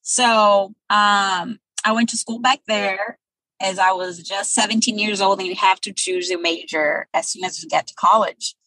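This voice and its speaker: A Brazilian woman in her thirties, a native Portuguese speaker, gives thoughtful interview answers as a guest, measured and full of fillers and "um" pauses. Her mid-range voice is bright yet husky with fairly even intonation. The sound is dry and close with no room sound, and the recording is low quality.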